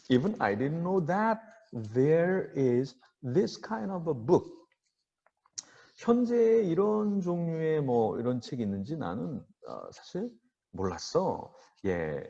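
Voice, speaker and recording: Slow, lively male language teacher. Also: mid-range voice. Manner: slow, lively explaining, models English phrases slowly. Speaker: English teacher. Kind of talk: lecture. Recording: dull lo-fi sound with long reverb.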